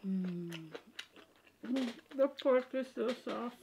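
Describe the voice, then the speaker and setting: A woman, talking while chewing and making short, relaxed remarks about the food in a casual chat. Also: medium pitch, extremely slow, gravelly, muffled recording, a little hiss or hum. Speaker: mukbang co-host.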